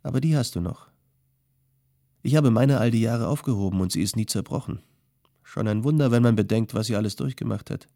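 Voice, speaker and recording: A man's voice: medium pitch, brisk, gravelly, warm tone, no room sound, clean studio sound, lightly acted. A male audiobook reader voicing a young former bandit, wistful and uneasy, asking earnest, anxious questions. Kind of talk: audiobook character voice.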